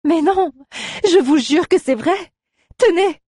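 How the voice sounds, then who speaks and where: A woman's voice: on the high side, normal speed, warm tone, breathy edge, no echo, studio quality, pitched above the performer's own voice. A woman voicing a young girl who is a scrappy street thief, urgent and pleading.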